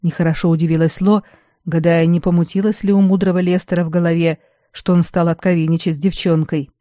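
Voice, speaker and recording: A woman narrating an audiobook in a calm, measured storytelling manner. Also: lowish voice, no room sound. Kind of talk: scripted narration. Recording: dull lo-fi recording, dry.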